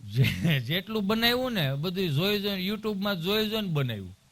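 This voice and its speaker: A man telling comic stories in stand-up, animated and punchy. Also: high voice, moderate pace. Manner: animated, punchy, anecdotal delivery. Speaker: comedian. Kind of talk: stand-up comedy storytelling.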